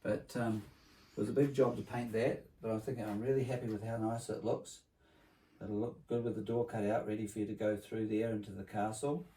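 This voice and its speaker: A man presenting a workshop vlog to children as a builder, in a bright kids' party host manner, explaining things simply and checking in with tag questions. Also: fairly low pitch, flat delivery, fairly quick, rough recording.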